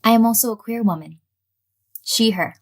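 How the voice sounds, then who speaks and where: A woman's voice: fairly high pitch, moderate pace. A young American woman activist speaking firmly and forthrightly about her experiences. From USA. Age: young adult. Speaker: youth activist. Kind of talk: personal testimony interview. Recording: faint crowd and noise behind.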